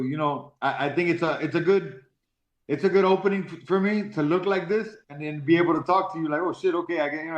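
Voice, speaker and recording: Man in his forties, halting and candid. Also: fairly high pitch. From Miami, Florida. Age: 40s. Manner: halting, repeats words, casual profanity. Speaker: guest, professional fighter. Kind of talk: candid interview storytelling. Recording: roomy, dull lo-fi sound.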